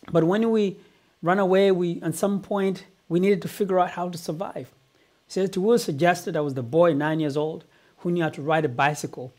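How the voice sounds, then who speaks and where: A man's voice: high-pitched, a little mellow. Middle-aged Ugandan-born man, motivational coach, earnest storytelling with repeats. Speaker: business coach. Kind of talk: motivational talk.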